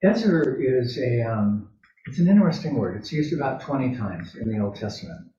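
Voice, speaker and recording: Man, pastor, conversational sermon, warm dark voice, distant mic, dull echoey church recording. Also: medium pitch, lively intonation, moderate pace. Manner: conversational, rambling with asides and self-corrections.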